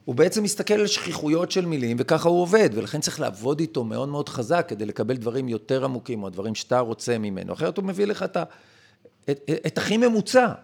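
A man's voice: mid-range voice, big pitch swings, vocal fry, breathy edge. A male podcast guest explaining his ideas in an emphatic, lecturing way. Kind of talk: conversational explanation.

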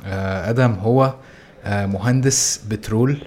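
A man's voice: lowish voice, normal speed, darkish tone. A man with an Egyptian Arabic accent hosting a casual podcast chat in an informal, self-deprecating way. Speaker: podcast host.

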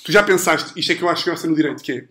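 A man from hosts in a casual, comedic way. His voice sits high for a man and races along very quickly. The recording has a roomy echo. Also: a bit bright. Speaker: podcast host. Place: indoors in a home. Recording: roomy, echoey home recording.

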